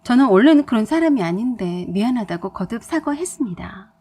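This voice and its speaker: A woman narrating a personal story in a soft, even storytelling delivery. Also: on the high side, a little fast.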